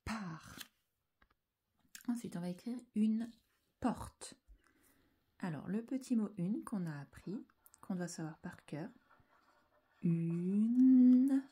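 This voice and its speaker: Her mid-range voice slightly rough, a woman teaches young children a slow spelling dictation. She is calm and deliberate, repeating syllable after syllable and whispering often.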